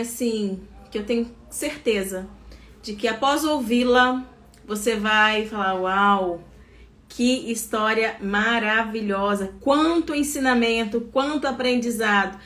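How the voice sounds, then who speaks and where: A woman hosts a live online interview over a video call. Her voice sits a little high, and her delivery is effusive, full of faith-filled phrasing. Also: slow, fairly bright tone. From Espírito Santo, Brazil. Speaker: host.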